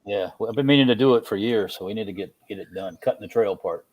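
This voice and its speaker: A man's voice: fairly low pitch, quick pace, a little mellow, slight background noise. A man in casual live stream chat, joking and laughing often. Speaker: panel guest.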